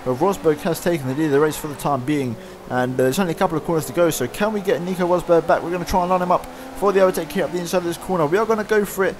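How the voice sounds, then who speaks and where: A man giving fast play-by-play commentary over his own racing game. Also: a little high. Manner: fast excited play-by-play, winding down later. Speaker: gaming YouTuber. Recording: loud racing game engine noise behind.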